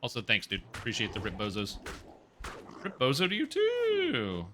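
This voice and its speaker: A man livestreaming a game on headset audio, chatting casually with viewers and reacting loudly to the gameplay. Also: medium pitch, huge pitch swings, moderate pace, noisy background. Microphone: livestream headset mic.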